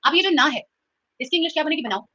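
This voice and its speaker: A young adult woman teaching an online grammar class, lively and teasing, switching between Hindi and English. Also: high-pitched, rapid-fire, no echo. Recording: dull lo-fi sound.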